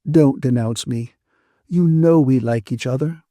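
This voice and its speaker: A man voicing a calm, cheerful young woman in an audiobook, affectionate, gently teasing and unruffled. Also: mid-range voice, unhurried, dry recording, clean studio sound, voice pushed up, natural voice. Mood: soothing.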